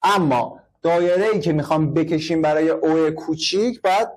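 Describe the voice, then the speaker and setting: A man teaching English to a class, explaining patiently, repeating words and quizzing his students. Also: on the high side. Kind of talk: classroom lesson.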